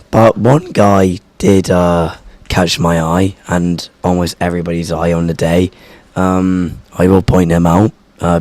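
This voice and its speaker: A hoarse man with a raspy, smoker-like voice, narrating his own airsoft video in a relaxed, halting way with many fillers. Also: sits low, no room sound. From United Kingdom. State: hoarse from burnt throat.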